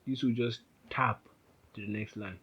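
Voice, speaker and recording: Casual low-voiced man teaching code. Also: steady tone, measured pace, breathy edge, highs cut off. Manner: informal, rambling, self-correcting. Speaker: programming instructor. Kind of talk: casual screen-recorded coding tutorial.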